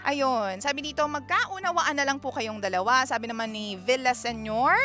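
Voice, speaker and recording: A Filipino woman radio DJ mixes Tagalog and English as she offers chatty relationship advice and reads listener messages. Her high-pitched voice has a sharp tone and a normal speed, and faint music plays behind the broadcast.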